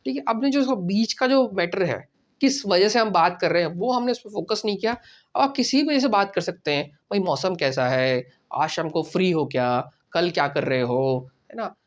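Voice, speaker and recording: A man teaching a casual spoken language lesson, explaining step by step, repeating phrases slowly and often checking in with "right?". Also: sits high, animated.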